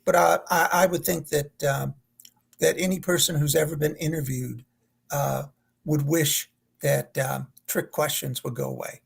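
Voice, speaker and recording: A man with a heavily gravelly, husky voice, pitched a little high for a man. He talks in a measured, halting way on a video call, pausing on fillers as a co-host in a casual panel chat. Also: steady tone.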